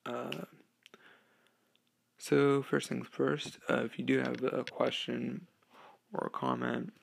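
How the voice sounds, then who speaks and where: A sixteen-year-old boy hosts his own solo podcast, talking casually and hesitantly with lots of ums and uhs and the occasional laugh. His delivery is flat, slow, and creaky. He records on a low-quality home microphone.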